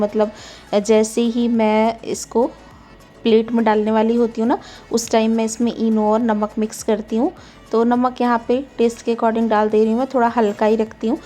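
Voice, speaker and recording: A woman's voice: a little high, dark tone. A young adult woman, a mother and home vlogger, chatting through a casual voice-over about her cooking, explaining as she goes with fillers and small self-corrections.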